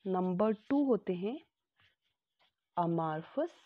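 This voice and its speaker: A woman's voice: lowish voice, animated, slow pace. A woman teaching a chemistry lesson, explaining step by step with homely examples, mixing in English terms and often checking that students follow. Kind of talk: classroom lecture. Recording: tinny phone-like audio.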